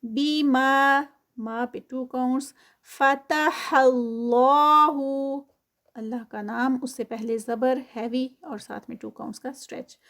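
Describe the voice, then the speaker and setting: A woman teaching Quran tajweed, reciting slowly and drawn out, then explaining quickly in mixed with English terms. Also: on the high side, little pitch movement, creaky, darkish tone.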